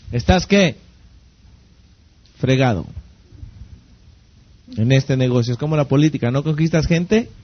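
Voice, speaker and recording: A man with a Mexican accent giving a motivational seminar talk as a network marketing trainer. He keeps asking rhetorical questions and pauses for the audience to finish his sentences. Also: on the high side, highs cut off. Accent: Mexican Spanish. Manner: rhetorical questions, pausing for the audience to fill in words.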